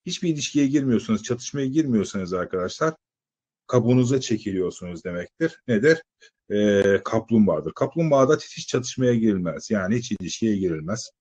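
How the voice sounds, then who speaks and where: A man lecturing exam candidates in a slightly husky voice. He talks in a loose, conversational way, firing rhetorical questions at the class and stretching out filler sounds while he thinks. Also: lowish voice, animated, brisk, a little mellow, dull audio. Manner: asks students rhetorical questions, many "e" fillers. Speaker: exam-prep teacher. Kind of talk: live lecture to students.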